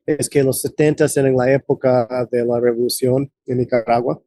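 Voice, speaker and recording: A man in his late forties from the United States speaks as an interview guest. He talks haltingly, often restarting a phrase and reaching for words. His voice is mellow and the sound is dry and close. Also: mid-range voice, steady tone, no echo. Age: late 40s. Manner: halting, many restarts and fillers. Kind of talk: conversational interview.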